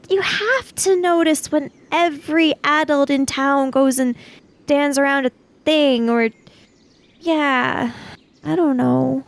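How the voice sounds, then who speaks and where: A woman with a high, creaky voice roleplays an anxious, questioning kid in a 1980s sci-fi mystery tabletop game. She improvises in character, rambling through one question after another.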